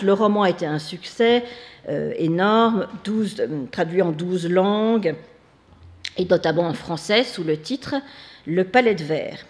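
A woman's voice: fairly low pitch, a little mellow. A woman giving an academic talk, hesitant, with many fillers and restarts. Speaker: lecturer. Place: lecture hall.

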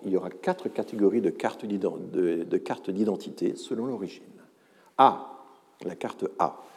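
A man's voice: fairly low pitch, dark tone, in a large hall. A man giving a university lecture, hesitant, with many fillers, restarts and wry asides. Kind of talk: academic lecture.

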